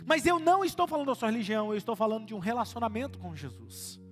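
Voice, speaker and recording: A Brazilian pastor with a high-pitched voice delivers a sermon to a church congregation, talking to them like in a conversation and asking them questions directly. Loud music plays under his voice the whole time. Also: lively intonation, fast, big-room sound. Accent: Brazilian Portuguese. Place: church service before a live congregation.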